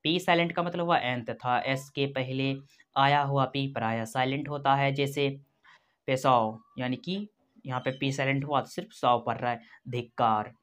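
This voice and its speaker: A man's voice: mid-range voice, normal speed, fairly bright tone. A male teacher giving a recorded lecture, methodically spelling words out letter by letter and repeating each rule. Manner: methodical, explanatory.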